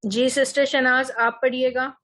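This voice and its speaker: A woman's voice: high voice, flat delivery, a little slow, fairly bright tone. A woman teaching an online Arabic grammar lesson, patient and encouraging, often checking that students follow.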